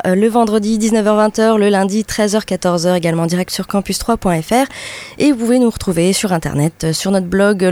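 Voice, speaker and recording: Woman radio host, mellow tone, chatty and giggly, lots of "euh". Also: mid-range voice, dry recording. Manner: chatty, laughs often, many fillers. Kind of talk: casual radio chat. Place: radio studio.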